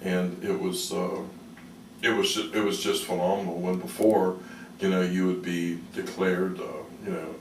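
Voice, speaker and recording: Low, flat-toned man recounting in interview. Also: normal speed. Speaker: interview guest. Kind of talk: conversational recounting in a radio interview. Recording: roomy, noisy, distant-mic radio interview.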